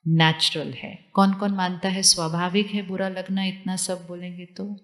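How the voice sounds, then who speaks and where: A woman giving a spiritual talk to a live audience, calmly repeating questions to her listeners. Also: fairly low pitch, normal speed, big-room sound. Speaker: spiritual teacher.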